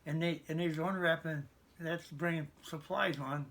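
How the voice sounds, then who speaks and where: A man's voice: fairly high pitch, fairly even intonation, moderate pace, fairly bright tone. An American man in his seventies, a veteran remembering his service in rambling, folksy conversation with stammered repeats. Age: 70s. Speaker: interviewed Navy veteran. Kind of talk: conversational reminiscence.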